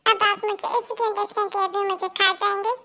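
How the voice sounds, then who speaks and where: A woman voicing a bold, teasing young newlywed wife in a fan audio story, high-pitched and playfully sarcastic. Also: little pitch movement, fairly quick, sharp tone. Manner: cheeky, playful, sweetly sarcastic.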